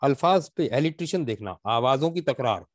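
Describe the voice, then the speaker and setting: A man with a Pakistani accent teaching literature in an online class, mixing English into his explanations, asking questions and answering them himself, and reading verse slowly with a rhythmic stress. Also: medium pitch, expressive, no room sound, clean studio sound. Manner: explains in Urdu mixed with English, asks and answers own questions.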